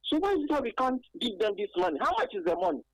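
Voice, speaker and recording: A woman's voice: on the high side, sing-song, very fast, no room sound. A woman with a Ghanaian accent calling in to a radio sports show over a clipped phone line, making her case earnestly and emphatically with frequent hesitations. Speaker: radio call-in caller. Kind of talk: call-in opinion on a sports show. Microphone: telephone.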